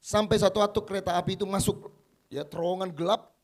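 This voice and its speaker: A male pastor delivers a sermon in a church service with a slightly high voice. He is emphatic, rising to loud exclamations and then dropping to quiet, confiding talk. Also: steady tone, fast talker.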